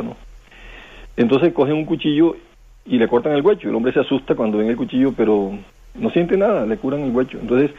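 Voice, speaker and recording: A man's voice: medium pitch, gravelly, slightly rough. A man with a Costa Rican accent tells a folk legend on a radio program in a rambling way, full of restarts and questioning tags. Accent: Costa Rican Spanish. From Costa Rica. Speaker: guest storyteller. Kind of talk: relaxed radio storytelling. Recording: tinny phone line.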